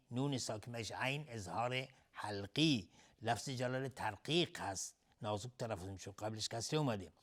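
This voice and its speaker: A male recitation teacher on a TV lesson. He chants verses slowly and melodically, then explains the rules at a quick clip and repeats each sound over and over for practice. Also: medium pitch. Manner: repeats sounds to drill pronunciation. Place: TV studio.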